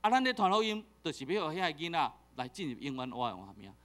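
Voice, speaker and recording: A middle-aged pastor with a Taiwanese accent preaches in a fairly high voice at a quick pace, joking and telling animated stories thick with repeated fillers.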